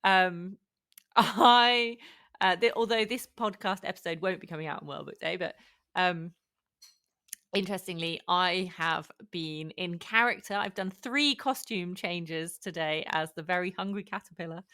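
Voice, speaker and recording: A woman's voice: fairly low pitch, a little slow, pushed and bright, smooth. A woman co-hosting a podcast in casual chat, full of encouraging interjections. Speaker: podcast co-host.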